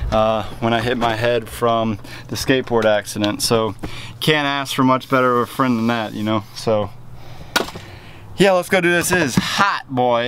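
A man's voice: mid-range voice, a bit bright. Young male vlogger, rambling casual talk, noisy outdoor camera audio. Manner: chatty, loose, trailing off with fillers. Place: outdoors and in a workshop, on the road. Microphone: handheld camera at arm's length.

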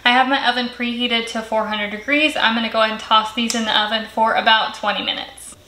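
A woman's voice: fairly high pitch, flat delivery, quick pace, sharp tone, roomy sound, a little hiss or hum, low-quality recording. A woman giving a friendly step-by-step cooking voice-over in a home kitchen. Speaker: cooking channel host.

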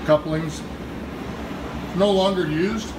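A middle-aged HVAC service manager strolls through an old machine room, casually narrating and admiring the equipment into a phone camera held in his hand. His voice is high-pitched with fairly even intonation, and he takes it slowly. The background is noisy.

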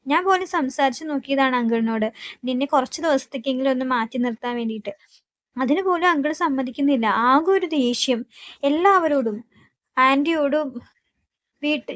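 A woman voicing a young man who calmly and earnestly tries to reason with a crying woman in a retold TV serial. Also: high voice, no echo, close to an everyday voice.

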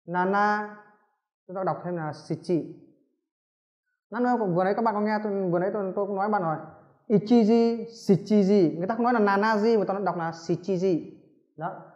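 A man with a Vietnamese accent teaching a Japanese lesson, rambling through explanations and slowly drilling numbers aloud. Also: sits high, a little mellow. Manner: rambling, self-correcting explanations, slow drawn-out drilling of numbers. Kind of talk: recorded classroom-style lesson. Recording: roomy, muffled home recording.

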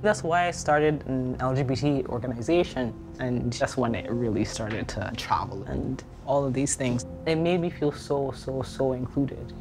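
A young woman from Barbados, speaking calmly and earnestly about her life as a documentary narrator. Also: rumbling low, normal speed, hardly any pauses, music in the background. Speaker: entrepreneur and advocate.

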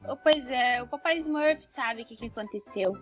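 Shy little female cartoon Smurf for a game role-play, voiced by a man, high and bright, timid and sing-song, Brazilian Portuguese accent, dull lo-fi audio. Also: normal speed, faint music behind.

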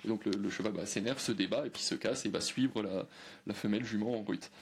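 A man, a guest on a podcast, explaining old myths in a relaxed chat, hesitant, with many fillers and restarts. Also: on the low side, fast, slight background noise. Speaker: guest historian. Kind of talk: conversational explanation.

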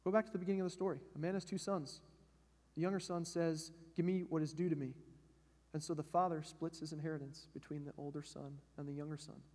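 A man's voice: on the high side, level tone, fast, darkish tone. A male pastor preaching a sermon in a church sanctuary, talking in a conversational way and asking his listeners questions. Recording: long church hall reverb.

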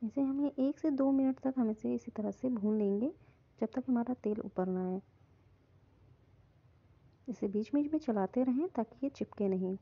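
Gravelly-voiced woman giving a home cooking lesson. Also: fairly high pitch, unhurried, long pauses. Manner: calm, instructive, repeats "hum" often. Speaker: cooking channel host. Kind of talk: step-by-step recipe voice-over. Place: home kitchen. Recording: dull lo-fi phone audio.

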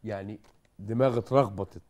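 An actor with an Egyptian accent playing an evasive cook who spins tall tales to dodge blame in a comedy sketch. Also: male voice, on the low side, fairly even intonation, brisk, a little mellow, natural voice. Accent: Egyptian Arabic. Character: sly male cook dodging blame.

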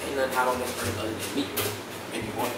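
A man's voice: medium pitch, little pitch movement, fast talker, recorded from a distance, heavy background noise. Echoey young man talking casual street slang. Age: 20s. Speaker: food challenge host. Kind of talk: casual vlog chat. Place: home kitchen, indoors. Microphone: camera a few feet away. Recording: very echoey room, off mic, music behind. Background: music.

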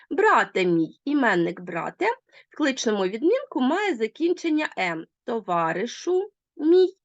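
Woman teacher, grammar lesson, animated pitch, dull lo-fi recording. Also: dry recording. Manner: lively, emphatic explaining.

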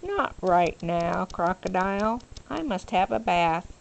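An older woman voicing a young, dawdling storybook alligator full of reluctant excuses, in a creaky voice. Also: lowish voice, animated, slow pace, full character voice. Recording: noisy home video recording.

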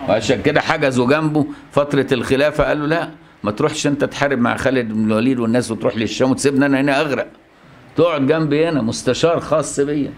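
A man with an Egyptian Arabic accent teaching a religious lesson as an Islamic scholar, checking on his listeners with rhetorical questions as he explains. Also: mid-range voice.

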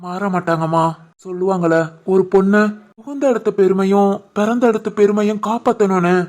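A man voicing an affectionate, reassuring young husband in an animated family drama, with a Tirunelveli Tamil accent and a comforting, teasing manner. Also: high voice, a little fast, close to an everyday voice.

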